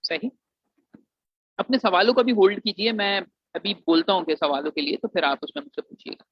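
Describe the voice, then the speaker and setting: Husky, animated, and fairly quick, this high-pitched man from Pakistan advises students on admissions as an engineering alumnus. His informal explanatory lecture mixes Urdu with English phrases and calls listeners "beta". The recording is dry and muffled.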